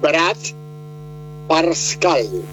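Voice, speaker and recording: A man's voice: a little high, sing-song, extremely slow, fairly bright tone, a little hiss or hum, rough recording. A man, explaining politics conversationally, with many hesitations and restarts. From Argentina. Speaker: political commentator.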